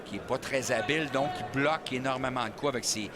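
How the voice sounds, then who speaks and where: A man's voice: medium pitch, quick pace. A man with a Quebec French accent giving live boxing analysis, conversational and explanatory, repeating words as he searches for them. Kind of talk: live colour commentary. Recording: noisy venue behind commentary.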